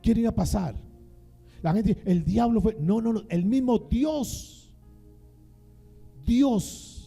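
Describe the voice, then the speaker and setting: A male pastor delivers a dramatic sermon in a fairly high, gravelly voice with a dark, mellow tone. He asks the congregation questions and calls on them to repeat his phrases. Faint music plays behind him. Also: expressive, slow pace. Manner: dramatic call-and-response preaching.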